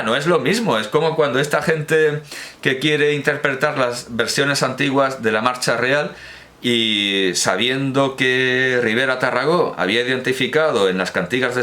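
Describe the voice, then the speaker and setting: Guy thinking out loud, bright voice, lots of ums and restarts. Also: mid-range voice. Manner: rambling, self-correcting, with many fillers and restarts. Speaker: podcast host. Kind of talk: unscripted spoken analysis.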